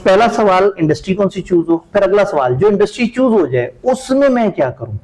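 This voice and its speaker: A man's voice: high-pitched, animated, brisk, a little mellow, low-quality recording. A man giving a classroom lecture, talking it through conversationally and posing questions he then answers himself. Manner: conversational, asks rhetorical questions and answers them.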